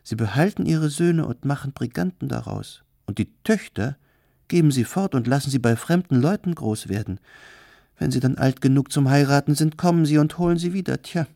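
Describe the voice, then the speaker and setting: A man's voice: mid-range voice, normal speed, vocal fry, warm tone, no room sound, clean studio sound, voice pushed up, lightly acted. A man voicing a fawning, gossipy matchmaker. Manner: fawning, wheedling.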